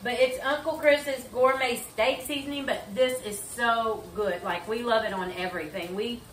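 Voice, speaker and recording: A woman's voice: fairly high pitch, normal speed, slight background noise. A middle-aged woman co-hosting a home cooking video, chatting and explaining each step as she cooks in her kitchen. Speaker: cooking show co-host. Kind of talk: casual home cooking chat. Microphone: far camera across the room. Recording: echoey kitchen from far off.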